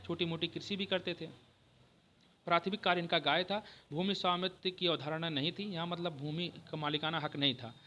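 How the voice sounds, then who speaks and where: A man's voice: a little high, steady tone, bright, forceful tone, a little hiss or hum. A man teaching an exam-prep history lecture, explaining step by step and often checking in with his students. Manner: repeats "ठीक है" often, explains slowly with restarts.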